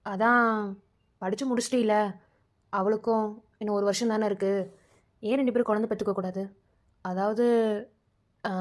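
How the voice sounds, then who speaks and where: A woman's voice: mid-range voice, a little mellow, close to an everyday voice. A woman voicing a middle-aged mother-in-law in a fan-made cartoon, blunt and earnestly advising. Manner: scolding yet advising, earnest.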